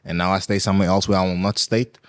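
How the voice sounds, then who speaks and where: A man's voice: sits low, little pitch movement, fast, dry recording, studio quality. A young man from Congo with a Cape Town accent, hosting a casual podcast interview in an easygoing, slangy way. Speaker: podcast host. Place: podcast studio.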